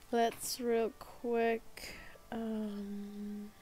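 A woman's voice: on the high side, flat delivery, drawn-out words, music in the background. Sick-sounding woman drawling through gameplay. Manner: chatty, self-mocking, drifting into near-whisper asides. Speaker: gameplay streamer. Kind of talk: casual gameplay commentary.

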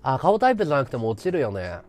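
A man from Chiba talks casually to his live-stream audience, rambling from story to story and laughing as he goes. His pitch swings widely and constantly, and faint music plays underneath. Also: rapid-fire. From Chiba, Japan. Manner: rambling, animated, laughing at his own stories. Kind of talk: casual chat with viewers.

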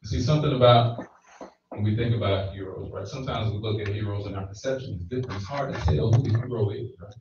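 In a small church hall, a thirtysomething preacher with a fairly low voice moves at a quick pace, holding a handheld mic and regularly asking "right?" as he preaches conversationally. Background noise is present, and the recording is echoey, distant and somewhat dull.

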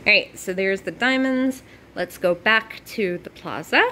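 A woman's voice: medium pitch, unhurried, pushed and bright, slight background noise. A woman hosting a casual gameplay video, gushing and bubbly, with lots of "like" as she talks. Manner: bubbly, gushing, heavy use of "like". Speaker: gaming video host.

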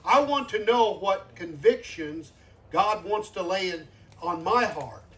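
An older guest preacher in his sixties gives an earnest sermon with an altar call, repeating phrases for emphasis. His high voice is animated and a bit bright, moving at a slow pace, and the mic is distant.

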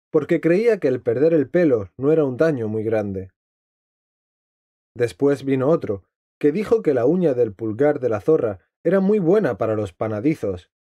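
A man reading a calm, wise old-world counselor. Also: mid-range voice, dry recording, natural voice. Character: wise male counselor telling a fable. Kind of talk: storybook reading. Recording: dry, slightly dull lo-fi.

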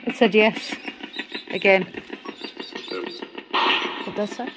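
A woman's voice: medium pitch, fairly even intonation, extremely slow, background noise. A woman presenting a casual ghost hunt as she films outdoors, exclaiming and repeating what she hears. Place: outdoors among open stone ruins.

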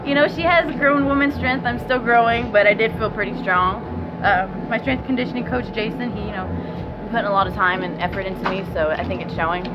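A woman's voice: medium pitch, steady tone, a little fast, loud music behind the voice. A woman of twenty giving a casual post-fight interview as a fighter, talking loosely and hesitantly with lots of filler phrases. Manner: hesitant, peppered with "you know". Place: small wood-paneled indoor room at event venue. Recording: muffled audio with loud background noise.

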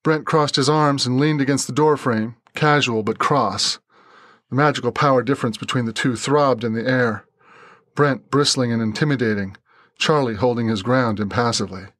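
A man reading a novel aloud in steady scripted narration. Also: medium pitch, normal speed, no echo, studio quality. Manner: steady storytelling.

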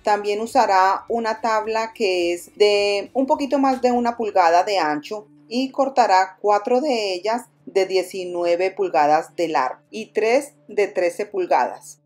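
A woman's voice: mid-range voice, darkish tone. A woman hosting a crafts channel, giving friendly step-by-step voice-over instructions and addressing viewers as friends. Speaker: DIY channel host. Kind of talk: voice-over tutorial narration.

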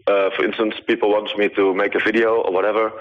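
A man's voice: fairly low pitch, flat delivery, quick pace. A man from the Netherlands with a Dutch accent, a video artist answering interview questions over the phone, hesitant and full of ums. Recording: poor phone line.

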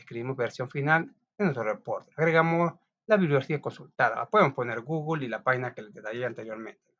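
Man, teacher, classroom lesson, chatty with restarts, animated pitch, lo-fi sound. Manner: lively, chatty, with restarts and asides. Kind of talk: classroom lesson reading notes aloud. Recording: dull lo-fi recording.

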